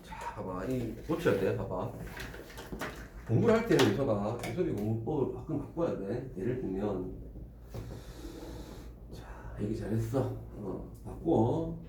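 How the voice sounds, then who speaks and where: A man teaching a classroom lesson, animated and teasing as he quizzes students. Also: lowish voice, unhurried, pauses often, background noise. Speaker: Korean language tutor. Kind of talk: classroom lecture. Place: small classroom. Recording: roomy classroom, faint ambience.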